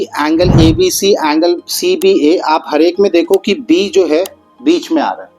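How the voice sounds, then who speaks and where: A male math teacher explains geometry in a patient, encouraging way. His voice sits a little high for a man, and he drags out the important terms. Soft music plays faintly behind him. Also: low-quality recording. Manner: patient, addresses students as "beta"; slows down and stretches out key terms.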